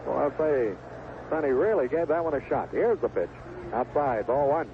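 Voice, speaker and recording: This tinny vintage radio announcer is a man doing live baseball play-by-play at a normal speed in a mid-range voice. He speaks from an outdoor ballpark booth, leaning on folksy, colorful phrasing. The sound is that of a noisy 1970s AM broadcast.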